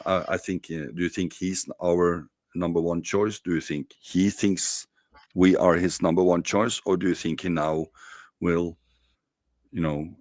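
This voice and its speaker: A man's voice: deep voice, dry recording, studio quality. A man hosting a casual football chat, asking long questions with many hesitations. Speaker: podcast host.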